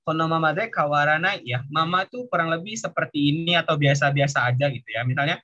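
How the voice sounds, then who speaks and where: Male language mentor, bright and forceful, slightly husky, relaxed tutoring over a dull video call. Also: fairly high pitch, fast. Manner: explains patiently, tags most sentences with a questioning "ya". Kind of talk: casual online class teaching.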